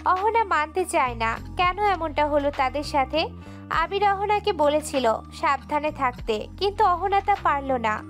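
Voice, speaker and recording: A high-voiced woman narrates a romantic audio story, her reading emotive, steady and a little slow. Faint music plays in the background beneath her.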